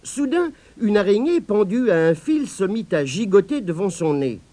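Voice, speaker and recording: A man reading a children's story aloud in a gently expressive way. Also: sits high, moderate pace.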